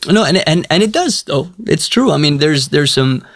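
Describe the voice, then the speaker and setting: A man's voice: fairly high pitch, animated, normal speed, a bit bright, slight background noise. A young man from Iceland, a musician talking in an interview in a hesitant, reflective way with many restarts. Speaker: musician guest. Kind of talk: casual interview talk.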